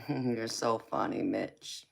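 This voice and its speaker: Her bass voice sounds creaky and very slow as this Southern-accented Californian psychic tarot reader livestreams casually. She responds to viewer comments, laughs a lot and calls everyone "baby".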